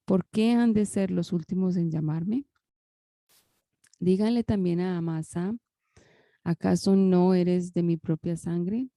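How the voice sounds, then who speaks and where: A woman reading a Bible passage aloud, careful and measured, sometimes restarting a word. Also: lowish voice, fairly even intonation, warm tone, no room sound. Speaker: scripture reader.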